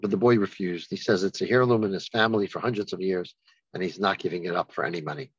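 A man's voice: low voice, slightly rough, dry recording. Rabbi guy giving a holiday sermon, storytelling, kinda dull dry lo-fi sound. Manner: unhurried storytelling with animated quoted voices.

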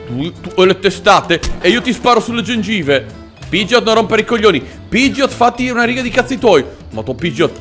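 Lively high-voiced man cursing through a game. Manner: excitable, swears a lot, chats with game creatures; jumps into squeaky cooing over cute creatures. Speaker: gaming channel host. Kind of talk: let's play gameplay commentary.

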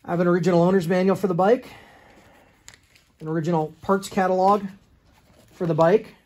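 A man's voice: high-pitched, steady tone, a little fast, a little mellow. A young man who runs a restoration shop, casually walking through a motorcycle's details in a matter-of-fact way, recorded on a handheld phone in an indoor workshop. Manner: plain, matter-of-fact listing of details with fillers. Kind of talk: casual product walkaround.

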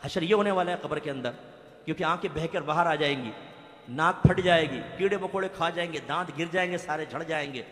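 Emphatic preacher in an echoing hall. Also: male voice, on the high side, a little fast, fairly bright tone. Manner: emphatic, vivid, rising to stress points. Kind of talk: sermon. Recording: echoey hall with long reverb.

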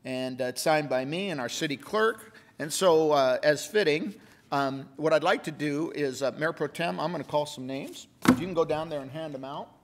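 At a city council meeting, the mayor reads a certificate aloud into a podium microphone for a civic ceremony. He sounds genial and a little high, reading quickly with plenty of fillers, over a faint hiss or hum.

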